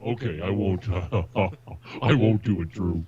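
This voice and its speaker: Man through a voice changer, slow and muffled. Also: sits low, dark tone, husky, no echo. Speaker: caller. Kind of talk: joking call-in banter.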